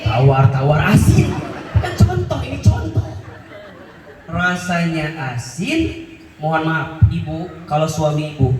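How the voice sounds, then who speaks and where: A man's voice: a little high, darkish tone. A man preaching a humorous sermon, quizzing the congregation and acting out scenes. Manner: joking, questions the crowd, acts out scenes. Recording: echoey hall, mic far off.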